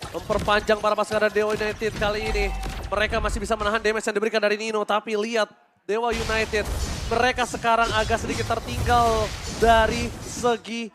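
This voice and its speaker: A man giving excited esports caster commentary and analysis on a noisy broadcast. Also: high-pitched, brisk, over music.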